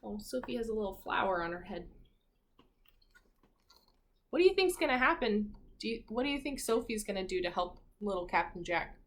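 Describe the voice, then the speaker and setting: This mid-range female teacher gives young listeners an expressive storybook reading, pausing now and then to talk about the illustrations and prompt the children with questions and asides.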